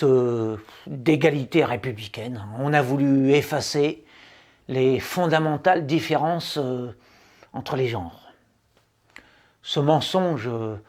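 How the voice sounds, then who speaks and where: A man playing an arrogant, self-proclaimed macho man who declaims grandly and pompously, with hesitant fillers breaking up his lofty phrases. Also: fairly high pitch. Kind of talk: mock-solemn satirical declamation.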